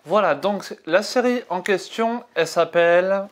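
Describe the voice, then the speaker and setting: A woman's voice: on the low side, unhurried, a little hiss or hum. A woman hosting her video channel, chatting playfully with many hesitations. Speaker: YouTuber. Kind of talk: casual chat.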